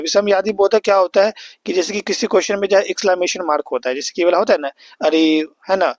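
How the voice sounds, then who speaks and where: High-voiced tutor explaining step by step. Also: male voice, dry recording. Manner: explains step by step, repeats and checks with "है ना". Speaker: teacher. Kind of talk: exam-prep grammar lesson.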